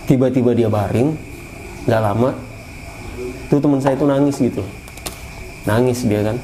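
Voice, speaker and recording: A man recounting his own eerie experience in a casual, animated way, often repeating phrases and addressing the listener. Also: mid-range voice, slight background noise, low-quality recording. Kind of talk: casual first-person ghost story.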